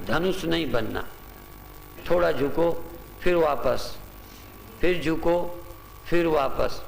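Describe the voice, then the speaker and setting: A man with a very gravelly, fry-heavy voice leads a gathered group through a breathing exercise. He speaks slowly in short repeated commands through a loudspeaker microphone. His voice carries the long reverb of a large hall, with a faint hiss of noise underneath. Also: a little high. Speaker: spiritual teacher. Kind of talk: spiritual discourse and guided breathing exercise.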